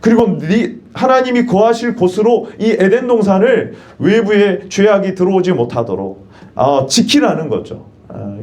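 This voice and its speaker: Lively high-voiced male pastor preaching. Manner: asks questions and has the congregation repeat. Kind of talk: sermon. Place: church.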